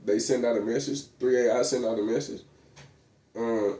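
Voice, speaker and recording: A man's voice: mid-range voice, steady tone, moderate pace, mellow. A man vlogging in a casual, rambling monologue, full of slang, fillers and restarts. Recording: echoey room.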